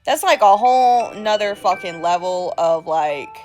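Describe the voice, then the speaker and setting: A woman with an average-pitched voice reacts casually as a streamer. She rambles frankly and swears freely, pausing over her own thoughts. Music plays softly behind her. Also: expressive. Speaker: streamer reading and reacting to stories. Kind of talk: casual reaction commentary with asides.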